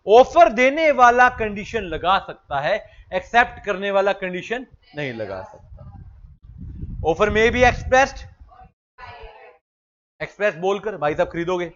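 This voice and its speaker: High-voiced chatty male law teacher. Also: sing-song, a little slow, long pauses, a bit bright, muffled recording. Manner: chatty, mixes English legal terms into Hindi, tells anecdotes. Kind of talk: classroom law lecture.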